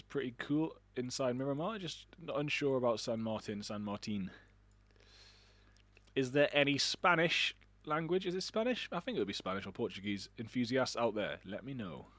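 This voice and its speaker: A man's voice: medium pitch, a bit bright, no echo. A man casting an online shooter match alone, chatty and rambling, with self-deprecating asides. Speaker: esports caster. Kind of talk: solo game commentary.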